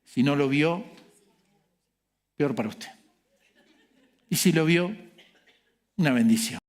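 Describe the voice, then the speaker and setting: A man with an Argentine accent preaching a sermon, his voice sitting a little high for a man. He speaks conversationally, poses rhetorical questions and drops in playful asides to his congregation. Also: takes it slowly. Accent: Argentine Spanish. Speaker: pastor.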